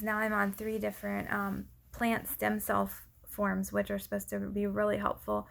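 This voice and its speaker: A woman speaking out of breath in a casual, unscripted personal update, haltingly and often losing her thread. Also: mid-range voice, vocal fry. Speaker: vlogger giving a personal update.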